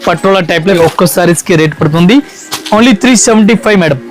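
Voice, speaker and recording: Rapid high-voiced salesman. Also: soft background music, rough recording. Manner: rapid repetitive sales patter. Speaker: saree shop salesman. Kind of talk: product showcase pitch.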